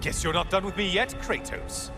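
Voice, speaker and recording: An actor voices a spiteful, sneering male sun god in a video game, taunting in a theatrical, mocking way. His high-pitched voice moves at normal speed over game music.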